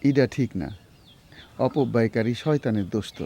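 A man's voice: medium pitch, moderate pace, warm tone, a little hiss or hum, natural voice. An actor playing a folksy old village father. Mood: fond. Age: older. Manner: fond, folksy, philosophizing. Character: warm-hearted old village father who loves to sing. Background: music.

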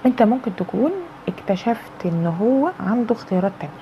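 Fast-talking Egyptian woman reading tarot. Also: medium pitch. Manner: chatty, acts out quoted dialogue in shifting tones. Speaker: tarot reader. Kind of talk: casual tarot reading monologue. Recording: dull lo-fi sound with faint background noise.

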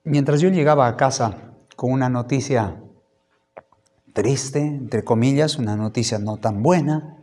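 A pastor in his thirties giving a sermon testimony, telling his story with lively acted-out dialogue. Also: mid-range voice, unhurried. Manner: animated storytelling, acting out dialogue.

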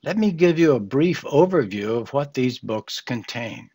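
In this instructional narration, an older man's husky, darkish mid-range voice moves at a measured pace and stays expressive. He teaches fly fishing from a small shelved room at home, speaking earnestly and plainly, sometimes using fillers or starting over.

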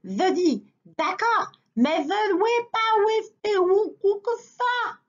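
A woman's voice: very high voice, animated, takes it slowly, pitched above the performer's own voice, full character voice. A woman voicing a hungry, blustering big bad wolf who roars threats and turns meek. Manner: shouting threats, then meekly pleading. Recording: dull lo-fi recording.

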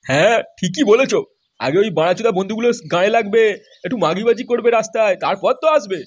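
A man's voice: high voice, fast, dull audio. A man voicing a grumpy, foul-mouthed aging father in a comic cartoon, complaining and cursing. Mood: sarcastic. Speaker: cartoon character.

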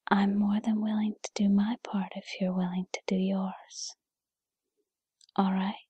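A kindly, patient fairy godmother, played by a woman in a whispered role-play. She speaks in a very breathy, soft-edged whisper, taking her time. Her manner is soothing and encouraging as she reassures the listener. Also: mid-range voice, flat delivery, dry recording, highs cut off. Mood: gentle, reassuring. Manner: soothing, encouraging, unhurried second-person address.

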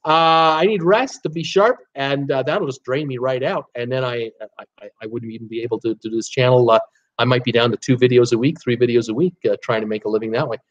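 A chatty man in his sixties, a cruise travel YouTuber, hosts a livestream on his webcam from an indoor home office lined with shelves of cruise mugs. Medium-pitched and fast, he rambles casually through viewer comments with frequent "uh" fillers and animated hand gestures, on lo-fi audio.

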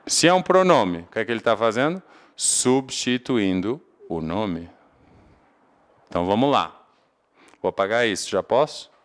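A man's voice: lowish voice, lively intonation, moderate pace, pauses often. A man from Portugal with a European Portuguese accent, teaching an English grammar class and asking his own questions before answering them. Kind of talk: classroom lecture.

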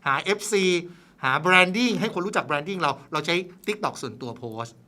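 A man's voice: high voice, a little slow. A man talking as a guest expert on a radio talk show, explaining casually and dotting his sentences with polite fillers. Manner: lively explaining, many "na khrap" fillers.

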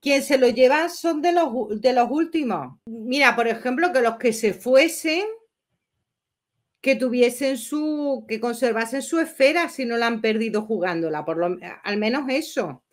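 A woman's voice: fairly high pitch, expressive, measured pace. A woman, chatting casually and rambling through a livestream as host. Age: 50s.

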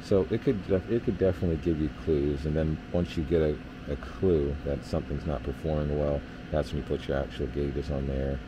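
With a very deep voice and a fairly quick delivery with few pauses, a male HVAC tech casually goes over system readings near a basement furnace. He uses lots of fillers amid a noisy background.

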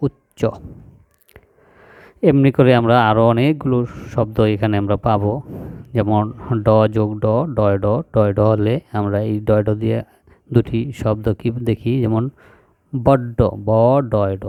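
A man teaching young children to read, spelling out each syllable slowly and repeating every word. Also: lowish voice, dry recording, narrow, tinny audio. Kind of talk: slow phonics lesson for young children.

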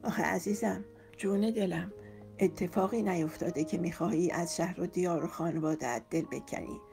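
A woman voicing a worried middle-aged mother who pleads softly and quietly in an audiobook. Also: on the low side, gravelly, faint music behind. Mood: soothing. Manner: soft, hushed and imploring.

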